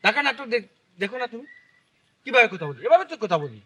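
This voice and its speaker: An actor playing a boastful young husband who insists on showing off city speech in a comic regional drama. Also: male voice, very high-pitched, big pitch swings, fast talker, fairly bright tone, breathy edge, heavily acted. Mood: insistent.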